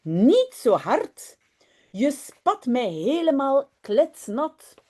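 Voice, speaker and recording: A woman teacher voicing a brisk, fond mother in a children's storybook, in a slightly lower, measured motherly tone. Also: big pitch swings, mellow, full character voice. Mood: firm. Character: a mother bathing her two muddy children, brisk and fond.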